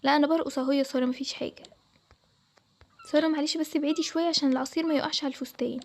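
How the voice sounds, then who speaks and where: Upset young bride, a woman acting her out, Egyptian accent, high voice, rapid speech. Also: steady tone. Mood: pleading. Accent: Egyptian Arabic. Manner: complaining, pleading. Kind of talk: Toca Boca roleplay voiceover.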